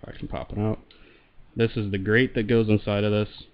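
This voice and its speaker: A man with a fairly low, very clear voice walks through a piece of gear in a casual review style. The sound is slightly dull and lo-fi. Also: little pitch movement, brisk. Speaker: gas mask reviewer. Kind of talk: casual hands-on product demonstration.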